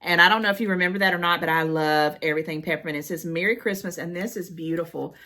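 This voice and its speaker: Woman, lowish voice, casual vlog chat, heartfelt and easily moved. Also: fast talker, sharp tone. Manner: emotional, heartfelt, chatty. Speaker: haul vlogger. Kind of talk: casual chat reading cards to viewers.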